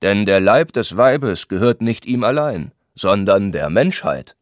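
A man voicing an irritable man who lays down his views slowly and emphatically, in an audiobook reading. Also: on the low side, expressive, no echo, clean studio sound. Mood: irritated, dogmatic. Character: irritable man preaching dogmatically. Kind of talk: audiobook character voice.

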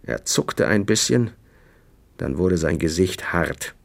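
Deep, gravelly male narrator. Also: animated, slow. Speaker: audiobook narrator. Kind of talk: scripted narration.

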